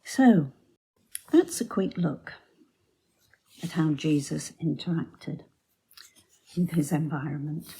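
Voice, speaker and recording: A woman giving a Bible teaching talk for her church, telling the story in a deliberate storytelling manner. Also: deep voice, lively intonation, gravelly, mellow, slightly rough.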